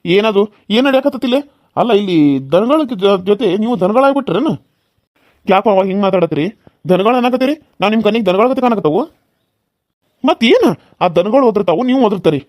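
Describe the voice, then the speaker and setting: A man's voice: high voice, expressive, a little fast, pauses often, a little mellow, dry recording, studio quality. A man voicing a stern middle-aged father-in-law in a cartoon serial, scolding and lecturing.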